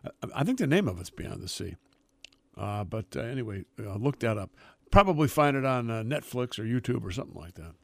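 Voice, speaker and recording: A man's voice: mid-range voice, sing-song, fairly quick, gravelly, a bit bright, no room sound. A man hosting a radio music show in casual, rambling chat, freewheeling and emphatic in his enthusiasm.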